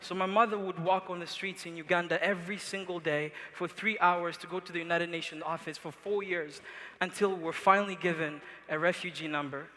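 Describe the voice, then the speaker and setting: A man's voice: high voice, steady tone, brisk, bright, forceful tone. A young man from Congo giving an earnest motivational speech to a large live audience. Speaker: event speaker. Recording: reverberant large arena.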